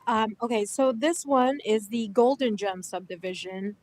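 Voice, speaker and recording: A woman's voice: fairly high pitch, moderate pace. A woman city planner presenting a project at a committee meeting, hesitant, with many ums and self-corrections. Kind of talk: staff report at a meeting.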